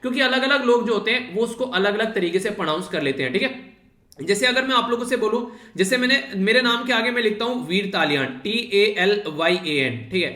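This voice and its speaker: A man's voice: high voice, lively intonation, brisk, pushed and bright, echoey room. A man teaching a current affairs lecture for exam students in a conversational way, often repeating filler words and addressing the students directly.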